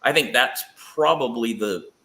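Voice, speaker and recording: A man's voice: medium pitch, measured pace, sharp tone, echoey room. A man in casual chat about a car build, rambling and hedging with fillers. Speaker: guest on automotive chat.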